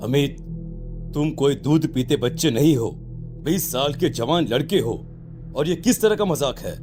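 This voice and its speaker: A man's voice: a little high, measured pace, faint music behind. A man voicing a middle-aged father in a cartoon, scolding his grown son. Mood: stern. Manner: scolding, expressive. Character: middle-aged father, stern but caring. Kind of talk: Hindi cartoon voice acting.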